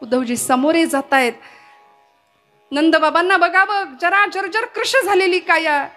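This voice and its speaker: A woman's voice: very high-pitched, unhurried, fairly bright tone, faint music behind. A woman performing a devotional kirtan sermon. She tells the story with passion and chants Sanskrit verses between her sentences. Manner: impassioned storytelling, chant-like recitation.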